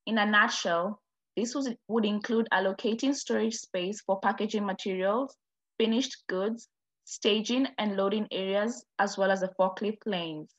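A woman student presenter reading a formal project overview at a steady pace. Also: mid-range voice, moderate pace, lo-fi sound.

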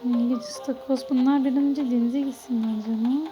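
A woman chatting casually as she plays along with a child, coaxing and gently instructing as a mother does. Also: high voice, steady tone, moderate pace, soft background music, poor audio. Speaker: mother playing a game with her child on a channel. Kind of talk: casual play-along chat.

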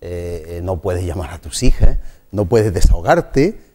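A man from hosts a religious TV interview. His voice sits fairly low, and he explains things calmly, pressing harder on key points. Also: measured pace.

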